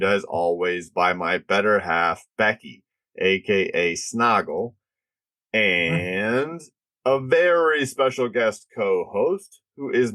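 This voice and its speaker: A man with a fairly low voice hosts a podcast casually. The sound is dry, with no room around it. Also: bright, forceful tone, dry recording. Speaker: podcast host.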